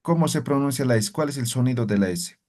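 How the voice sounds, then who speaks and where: A man's voice: medium pitch, animated, fast, darkish tone. A man teaching a language class, patiently correcting pronunciation and often checking that he is understood. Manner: patient, with frequent checking tags. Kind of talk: online class instruction.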